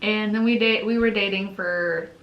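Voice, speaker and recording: A young woman co-hosting a channel, telling a story in a casual, animated way, acting out quotes and laughing often. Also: medium pitch, normal speed, muffled recording. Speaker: channel co-host. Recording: echoey room.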